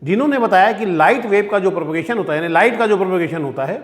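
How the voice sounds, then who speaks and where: A physics teacher delivers a lecture in a fairly high voice, with a long reverb trailing after his words. He works through the ideas step by step, keeps checking in with his class, and poses questions before answering them himself. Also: animated, fast. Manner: explains step by step with repeated check-ins.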